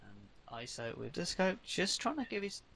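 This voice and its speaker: A man with a Birmingham accent calls a shooter match play by play into a headset mic. His voice is slightly high and bright, and it climbs when the action heats up. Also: wildly swooping pitch, normal speed, gravelly, slight background noise. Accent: Birmingham (Brummie). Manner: narrates plays steadily, lifting in pitch on big kills. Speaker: esports co-commentator. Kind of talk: play-by-play game commentary.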